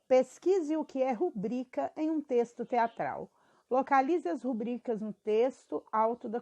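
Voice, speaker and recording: A woman's voice: fairly high pitch, darkish tone. A girl of about twelve, reading school questions and her answers aloud, evenly and with small stumbles. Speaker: student.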